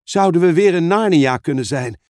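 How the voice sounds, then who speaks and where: A frightened little schoolgirl, the youngest sister, pitched high and breathless, as a man reads her. Her pleading lines swing up and down. The dry, close sound has no room in it. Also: animated, normal speed, darkish tone, dry recording, close to an everyday voice. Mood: amazed. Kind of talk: audiobook reading.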